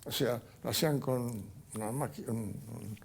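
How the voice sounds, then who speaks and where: An older man, a Holocaust survivor, gives personal testimony as a guest in a TV studio interview, telling his life story. His mid-range voice is gravelly and husky, and he recalls events haltingly, with restarts and fillers.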